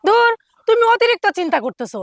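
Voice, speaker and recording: An actress playing a reassuring but defensive young daughter-in-law in a family drama, talking in an insistent, conversational way. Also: female voice, extremely high pitch, sing-song, quick pace, no echo. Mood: impatient reassurance. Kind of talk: Bengali family TV drama acting.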